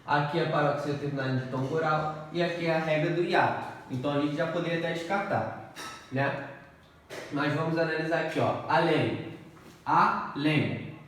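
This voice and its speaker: A man's voice: on the high side, fairly even intonation, fairly quick. A male teacher giving an exam-prep grammar lesson, explaining step by step and often checking in with the class. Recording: echoey room, distant mic, faint noise.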